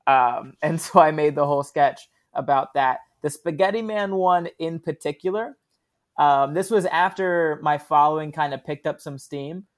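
His pitch is on the high side and his pace moderate. The man, a sketch comedian, chats casually as an interview guest, relaxed and using fillers as he recounts stories, laughing often.

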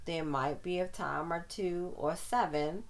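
Female co-host, slightly low gravelly voice, firm and emphatic; faint background hiss. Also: a little slow. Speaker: podcast co-host. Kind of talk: casual chat.

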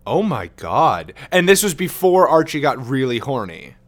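A man co-hosting a podcast, talking casually with lots of swearing and excitable outbursts. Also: medium pitch, moderate pace. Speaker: podcast co-host.

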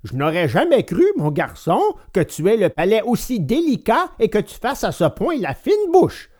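A woman voicing a patient, kindly old woodcarver in a storybook reading, slow and gentle, giving little lessons. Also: medium pitch, very animated. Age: older.

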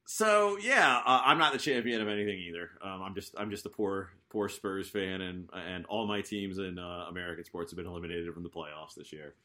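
A man's voice: low-pitched, fairly quick, few pauses, bright, forceful tone. A man with a Baltimore accent hosting a casual sports podcast panel in a wry, joking manner. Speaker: podcast host.

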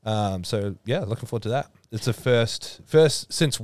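A man's voice: lowish voice, moderate pace, no echo. A man hosting a podcast, chatting casually with many fillers. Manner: relaxed, explains at length with many fillers. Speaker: podcast host, powerlifting organiser. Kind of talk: casual chat.

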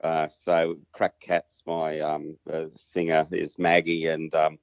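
An Australian man with a low voice talks casually as an interview guest. He rambles and hesitates, modest about himself. The recording sounds slightly dull and muffled. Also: monotone, slow pace, clear, resonant tone, no room sound. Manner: hesitant, rambling, self-deprecating. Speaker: interview guest, musician and singer.

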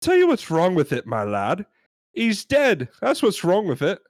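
Man putting on a shrill indignant British customer. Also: huge pitch swings, a little slow, dry recording, clean studio sound, full character voice. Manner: high-pitched, loud, exasperated. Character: indignant English male customer with a dead parrot.

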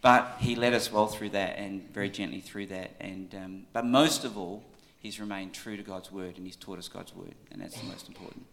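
An Australian man giving an informal church tribute in a halting, conversational way, often checking in with his listeners. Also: sits low, steady tone, gravelly, fairly bright tone.

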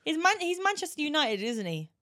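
A British woman chatting on a podcast with a playful, laughing manner. Her voice sits a little high. She talks easily and keeps things light. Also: sing-song, a little fast, fairly bright tone, no room sound, clean studio sound. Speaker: podcast co-host. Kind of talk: casual chat.

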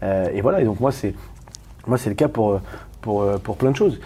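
A man from Paris, a guest talking candidly in an interview, rapid and emphatic with many restarts and questions to the listener. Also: fairly low pitch, expressive, warm tone, breathy edge. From Paris, France.

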